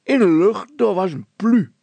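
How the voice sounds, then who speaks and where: Man doing high, rambling naive girl Petronella. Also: animated, measured pace, vocal fry, breathy edge, no room sound, full character voice. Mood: eager. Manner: hesitant, rambling, loud and high.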